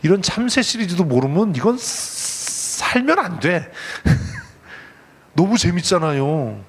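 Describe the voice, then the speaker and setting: A man preaching a lively, conversational sermon as pastor, teasing his congregation and acting out the voices in the story. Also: high voice, slow, breathy edge. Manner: playful, teasing, acts out God's voice and the congregation. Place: church sanctuary.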